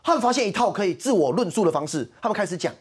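A woman's voice: medium pitch, animated, rapid-fire. A woman arguing as a panel commentator on a political talk show, heated and mocking, firing rhetorical questions. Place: TV studio.

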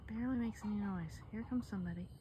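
A woman filming birds in her yard on a phone, quietly narrating what she sees in a casual way. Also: medium pitch, quick pace, a little hiss or hum. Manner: softly commenting while filming wildlife. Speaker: homestead vlogger. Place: outdoors in a yard by a house. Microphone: phone camera held by the speaker.

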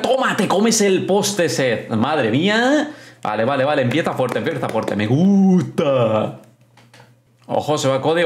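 Reaction streamer with a Spain accent, animated pitch, loud exclaiming, echoey room. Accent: Spain Spanish. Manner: exclaims and swears often, repeats words in bursts. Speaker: streamer reacting to a wrestling show. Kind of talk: excited live reaction commentary. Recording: roomy echo.

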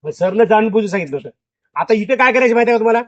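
A man's voice: high-pitched, animated, very fast, no room sound. Male teacher in a classroom, keeps firing the same question at pupils, dry, dull lo-fi recording. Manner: repeats questions to pupils, drilling. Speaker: school teacher.

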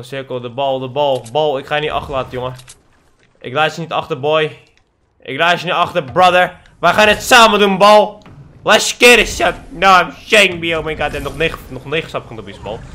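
A young man riffing through his gameplay on a headset mic, teasing opponents and dropping English slang. His fairly high, bright voice swings widely between near-mutters and sudden yelps. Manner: playful trash talk, peppered with English slang. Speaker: gaming YouTuber. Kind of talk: live gameplay commentary.

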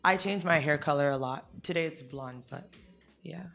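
Interviewed in a studio in front of a teal backdrop, a Ghanaian-born singer raised in America speaks into a handheld mic close to her mouth. The young woman's low-pitched, creaky voice is fairly bright at normal speed, over soft background music. She answers casually and easygoingly, with plenty of "you know" and "um".

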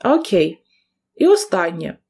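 A hoarse woman teaching an English grammar lesson on video, reading the English example sentences slowly and carefully. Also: lowish voice, big pitch swings, mellow. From Ukraine.

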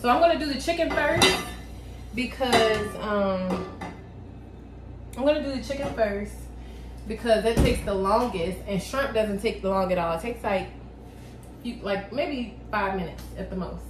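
A woman's voice: medium pitch, unhurried, pauses often. Woman, 30s, casual home-cook narrator, conversational and unpolished; camera-mic in a reverberant kitchen with frying noise. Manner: chatty, loose, thinks aloud with fillers. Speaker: cooking vlogger. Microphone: camera on the counter. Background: food sizzling in a pan.

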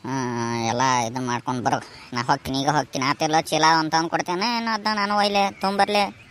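A man with a North Karnataka Kannada accent voicing a gruff, dismissive village father who talks curtly in a cartoon. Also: on the high side, fairly even intonation, fast talker, a bit bright, a little hiss or hum, close to an everyday voice. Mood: placating. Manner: brushes off with curt "le" calls. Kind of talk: cartoon voice acting.

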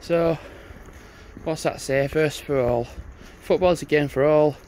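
A man with a fairly high voice and an unhurried pace, chatting as he walks outdoors. He thinks aloud and reads signs out as he goes. Loud wind buffets the mic throughout. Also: low-quality recording. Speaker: vlogger. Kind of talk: casual walking vlog narration. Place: outdoors on snowy paths by a stadium.

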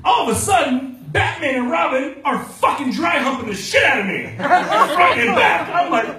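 A man's voice: very high-pitched, very animated, normal speed, slight background noise. A man in his thirties from Maryland doing a brash, profane stand-up set on a small club stage, acting out the people in his stories. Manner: brash, profane storytelling, acts out quoted voices. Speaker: stand-up comedian. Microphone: handheld mic, filmed from the audience. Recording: roomy club sound from far off, loud audience laughter. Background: audience laughter.

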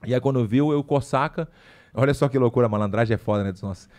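A man, a podcast guest, telling a story casually in an animated, slangy way with lots of asides. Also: medium pitch, racing.

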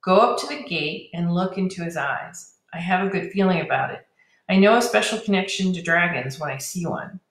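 A woman's voice: fairly low pitch, fairly quick, close to an everyday voice. Young man figure, dragon trainer, earnest, heartfelt, read by a woman, roomy echo, storybook reading.

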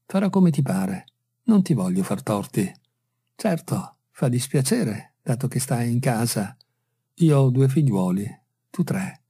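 A man voicing a weary fisherman who has come home after years lost at sea, speaking slowly and plainly. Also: mid-range voice, very animated, warm tone, breathy edge, exaggerated voice. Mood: stubborn.

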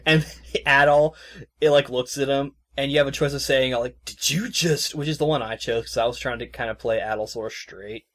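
A man's voice: mid-range voice, fairly even intonation, moderate pace, fairly bright tone. A male podcast host with an ordinary mid-range voice, talking loosely about a game. His sentences wander and restart, and he pads them with fillers. His tone stays casual and easygoing. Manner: rambling, loose and conversational with many fillers. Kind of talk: casual chat.

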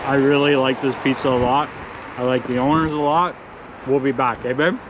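A man's voice: medium pitch, steady tone, normal speed, highs cut off. A man reviewing pizza while chewing, speaking in short enthusiastic verdicts. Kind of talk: casual food review vlog. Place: outdoors by a busy street. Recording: outdoor traffic noise.

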